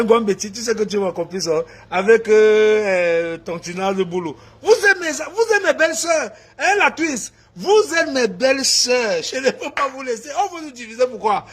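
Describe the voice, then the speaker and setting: A man, talking to his supporters in a casual live video, animated and laughing, slipping into Pidgin English. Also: very high voice, breathy edge. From Cameroon. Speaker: activist addressing supporters.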